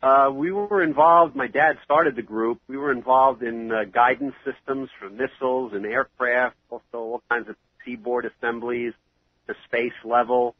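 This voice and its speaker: A man's voice: mid-range voice, steady tone, normal speed, dry recording. A man in his fifties with a New York accent and a head cold, chatting as an interview guest over a phone line. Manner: chatty, rambling with fillers.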